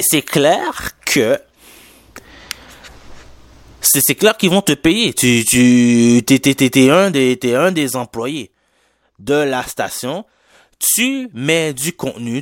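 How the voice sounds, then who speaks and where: In this solo podcast monologue, a young host from Quebec speaks Québécois French with a slight Haitian lilt, full of fillers, restarts and English slang. His pitch moves up and down with lots of life, yet he delivers the words unhurriedly. The close, dry recording has no room sound and no echo.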